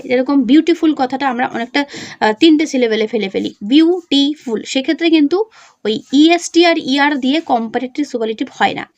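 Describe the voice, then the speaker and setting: A woman's voice: high voice, no echo, dull audio. A woman with a Bengali accent teaching an English revision lesson step by step, asking questions and answering them herself. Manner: reads example sentences slowly.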